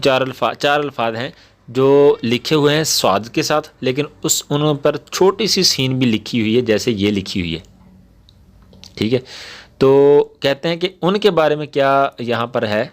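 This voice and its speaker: A man teaching a Quran reading lesson, patiently explaining rules, often checking with his listeners and slowing down to spell out words syllable by syllable. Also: mid-range voice. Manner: patient, repeats points and checks with "ٹھیک ہے؟".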